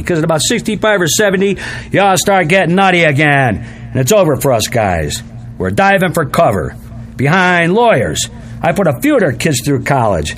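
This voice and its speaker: A man's voice: a little high, a bit bright, a little hiss or hum. An older man doing a brash stand-up routine of punchy jokes. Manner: brash punchy joke delivery. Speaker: stand-up comedian. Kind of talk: stand-up routine then casual explanation.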